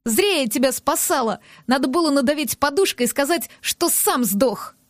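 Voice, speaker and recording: A woman voicing a hot-tempered young woman who talks in a sharp, indignant, shouting way in an audiobook. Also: high-pitched, animated, normal speed, no room sound, clean studio sound. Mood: furious. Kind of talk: audiobook character voice.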